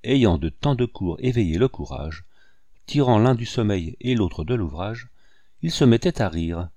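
A man reading a poem aloud with tenderness and measured pacing. His low, warm voice swells at dramatic moments. The recording is dry and close. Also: expressive, dry recording. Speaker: audiobook reader. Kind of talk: expressive poetry reading.

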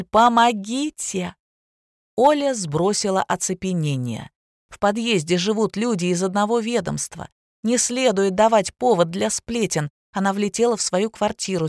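A woman narrating a scripted story in a steady, even manner. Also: mid-range voice, dry recording, clean studio sound.

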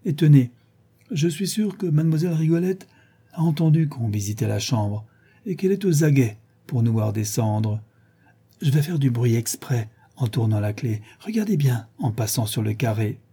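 A man's voice: medium pitch, lively intonation, normal speed, warm tone, husky. A man voicing a nosy, self-important old male porter who talks in a prim, fussy way. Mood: gossipy. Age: older.

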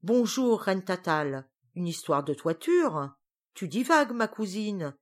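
A woman's voice: mid-range voice, big pitch swings, measured pace. A woman voicing a vain, grumpy witch who complains indignantly. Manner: indignant, whiny.

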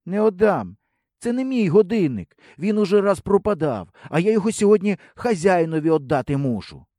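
Young village boy voiced by a man, earnest and stubborn, high and lively. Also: brisk, no room sound, clean studio sound.

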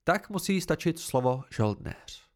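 Stern female sword mentor, blunt and lively-voiced, as a male reader puts her on for an amateur audiobook. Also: a little high. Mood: instructive. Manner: blunt, instructive, measured.

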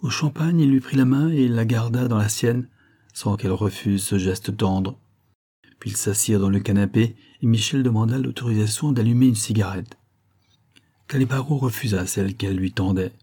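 A man narrating a crime novel in a calm, measured reading. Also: fairly low pitch. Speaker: audiobook narrator.

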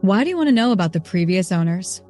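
A meek serving woman from a castle answers in a deferential, mid-pitched voice, as a woman reads her part. This is a storybook reading with faint music in the background. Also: sing-song, fast talker, a little mellow, close to an everyday voice.

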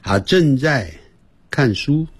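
Husky-voiced man teaching English on the radio. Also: medium pitch, expressive, dry recording. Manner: explains grammar, sounds out words slowly and repeatedly. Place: radio studio.

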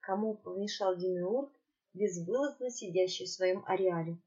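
A woman voicing a fierce, quick-tempered ancient female demiurge in an audiobook. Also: lowish voice, dark tone, husky, highs cut off. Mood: indignant. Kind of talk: audiobook character reading.

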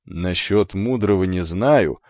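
A man voicing a wise old male centaur who speaks slowly and calmly in a measured way. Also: no echo. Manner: slow, low, measured. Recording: dull lo-fi with faint music.

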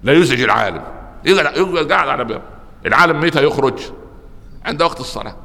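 A man with an Egyptian accent giving a religious lesson to a live audience, telling stories with lively asides and tossing rhetorical questions to his listeners. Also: on the high side, racing, vocal fry, long reverb tail. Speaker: preacher teaching a religious lesson.

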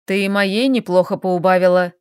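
A woman's voice: normal speed, clean tone, no room sound, clean studio sound, close to an everyday voice. Woman voicing a smug, teasing male elf. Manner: calm, teasing, lower and steadier.

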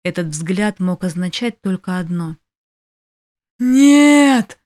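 A woman reads a first-person novel aloud as an audiobook narrator. Her storytelling is emotive and her voice sits at a middling pitch. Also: unhurried, darkish tone.

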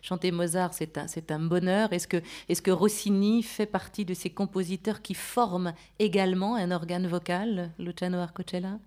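A woman's voice: fairly low pitch, fairly even intonation, moderate pace, hardly any pauses, darkish tone. A woman hosting a live radio programme in French, interviewing and presenting as a broadcaster. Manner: supplies and corrects the guest's words. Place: opera house auditorium.

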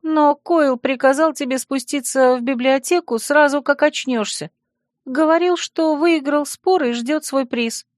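Audiobook role: caring young female student, put on by a woman reader, high, soft, fretful, dry studio sound. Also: measured pace, no echo. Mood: apologetic. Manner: soft, soothing, anxious. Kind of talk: audiobook character voice.

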